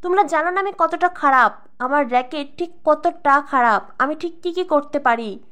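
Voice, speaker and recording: A threatening older crime boss from a TV serial who sneers at his victims, read by a woman. The voice sits high and stays in the reader's own plain tone. He delivers his threats coolly, in a scornful way. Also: normal speed, a bit bright.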